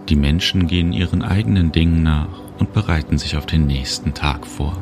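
A man narrating a guided relaxation journey, speaking slowly and soothingly. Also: extremely low pitch, gravelly. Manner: slow, calm, soothing. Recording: music bed under voice. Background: music and cricket sounds.

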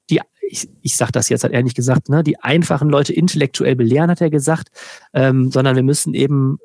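A man's voice: mid-range voice, creaky, darkish tone, dry recording, clean studio sound. A man co-hosting a podcast, speaking thoughtfully and hesitantly, with many fillers. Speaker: podcast co-host. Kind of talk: casual podcast discussion.

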